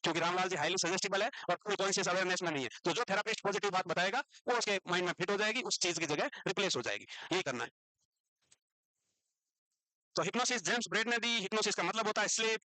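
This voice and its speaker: High bright male teacher lecturing. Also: no echo, poor audio. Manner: quizzing, repeating questions to the class; scolding students. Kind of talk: classroom lecture.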